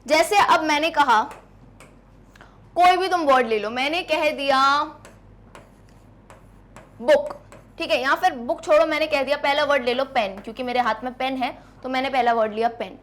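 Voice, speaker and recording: A high-pitched woman teacher explains grammar to schoolchildren. She talks patiently and warmly to her students, repeating words slowly to sound them out.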